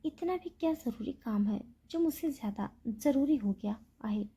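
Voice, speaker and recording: A woman's voice: a little high, lively intonation, normal speed, slightly rough. A woman voicing a young woman who begs her lover not to leave in a spoken story. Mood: pleading. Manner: pleading, soft.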